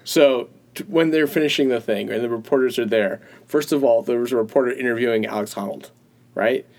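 A man's voice: medium pitch, a little fast, gravelly, darkish tone. A man co-hosting a podcast, chatting casually, rambling through stories and laughing often. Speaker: podcast co-host. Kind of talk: casual chat.

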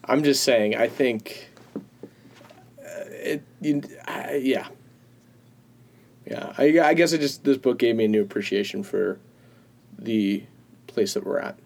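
A man's voice: medium pitch, slow pace, vocal fry, pauses often, a little mellow. A man co-hosting a podcast, chatting casually, rambling through stories and laughing often. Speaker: podcast co-host. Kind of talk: casual chat.

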